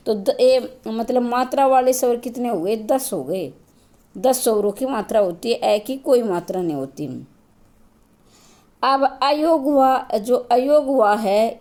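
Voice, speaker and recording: A woman's voice: a little high, dark tone. A woman teacher giving a grammar lesson, explaining step by step, asking and answering her own questions, and repeating key points to her students. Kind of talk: classroom-style grammar lesson.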